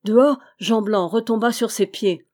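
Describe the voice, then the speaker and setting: A woman narrating a classic adventure novel in a measured, dramatic reading. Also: fairly high pitch, a little mellow. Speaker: reader.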